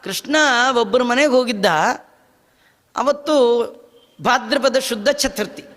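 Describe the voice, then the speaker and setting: A man giving a devotional discourse, telling stories in a lively way, chanting verses and acting out dialogue. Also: very high-pitched. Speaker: religious discourse speaker. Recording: long hall reverb.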